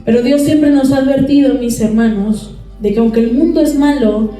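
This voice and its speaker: Mellow woman preaching in an echoey hall. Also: high voice, normal speed. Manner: rhetorical questions, asks congregation for assent. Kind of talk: sermon. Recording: echoey church hall, mic far off, faint music.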